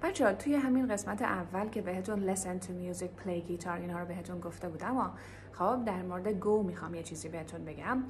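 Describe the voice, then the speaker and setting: A woman teaching English in a casual video lesson. She explains quickly, then repeats example phrases slowly for pronunciation. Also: on the low side, a little mellow, slight background noise.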